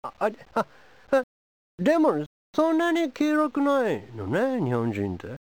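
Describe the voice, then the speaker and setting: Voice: mid-range voice, very animated, a little slow, no echo. A comedian performing a pushy, teasing foreign envoy who badgers the audience with questions in a comic monologue. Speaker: stand-up comedian.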